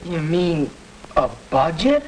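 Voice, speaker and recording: An eager, wholesome teenage boy in a 1940s family drama. His high voice jumps around with lively intonation in a stagey, scripted delivery. The vintage soundtrack has a faint crackle. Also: takes it slowly. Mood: eager, curious. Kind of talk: stagey scripted 1940s educational film acting.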